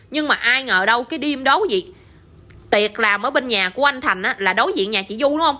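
Southern vietnamese woman telling a story, chatty, high quick voice. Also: pushed and bright. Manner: chatty, addresses listeners often with tag questions. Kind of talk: casual spoken storytelling.

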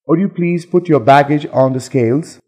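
A man reading the lines of a scripted English lesson dialogue in a plain, measured way. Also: fairly high pitch, mellow, breathy edge, big-room sound.

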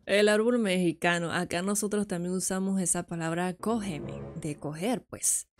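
A woman's voice: fairly low pitch, moderate pace, soft background music. A young Venezuelan woman hosting a reaction video, playful and slangy with laughing asides. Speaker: reaction channel host. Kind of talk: reaction commentary.

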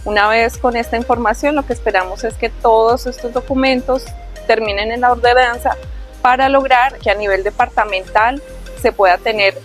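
A woman's voice: on the high side, steady tone, normal speed. A middle-aged woman with a Colombian accent, explaining a project in an interview to camera, recorded outdoors on a lapel mic. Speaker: project spokesperson. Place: outdoors in a park. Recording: music bed behind the voice.

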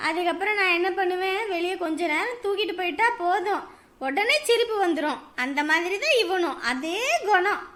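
A woman playing a scolding middle-aged village mother-in-law in a family drama, with a sharp tongue. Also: very high voice, moderate pace. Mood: fussing.

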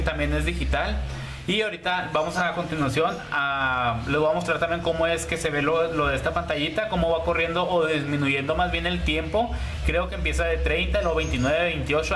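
A man's voice: on the high side, a bit bright. A man hosting a casual product review vlog, chatty and hesitant, repeating himself and using lots of diminutives. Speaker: YouTube beauty channel host reviewer. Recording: roomy echo with background hiss.

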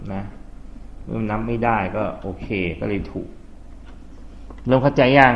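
A male tutor with a Thai accent walks a class through grammar, spelling words out letter by letter and pausing to quiz his students. His voice sits at an ordinary middle pitch. The recording is dull and lo-fi with a faint hiss underneath. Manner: mixes English terms into Thai explanation, quizzes students. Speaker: English tutor.

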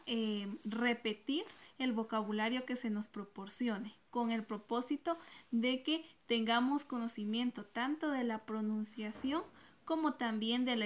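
A woman teacher giving a recorded online class, speaking patiently and repeating each word for her pupils. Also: fairly high pitch.

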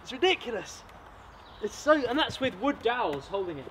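A bushcraft vlogger in his thirties works in a forest, cheerfully explaining what he's building in casual outdoor talk. He has a very high, sing-song, fairly bright voice and speaks a little fast. The camera mic is occasionally far off, and a little hiss or hum can be heard.

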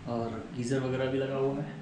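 This travel vlogger, a man in his thirties, narrates casually like a tour guide while showing a hotel room and walking a busy mountain-town street. His mid-range voice barely moves in pitch and runs fairly quick, picked up by a handheld camera mic with background noise.

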